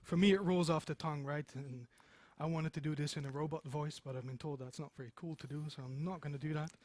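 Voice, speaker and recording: His voice is on the high side yet darkish, steady in tone and quick, recorded without room sound. He's a middle-aged software developer giving a relaxed conference talk to a seated indoor audience in a meeting room, repeating phrases emphatically for stress.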